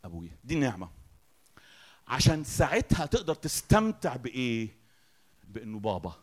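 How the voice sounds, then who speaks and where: A man with an Egyptian Arabic accent preaches a sermon, posing questions to the congregation and answering them himself. He shifts between loud declarations and soft, quiet lines, his medium-pitched voice swinging widely in pitch at a normal speed.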